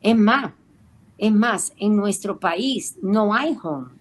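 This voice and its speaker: Middle-aged woman, radio co-host, unhurried and emotive storyteller who acts out the voices of others. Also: mid-range voice, lively intonation, a little hiss or hum. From Caribbean.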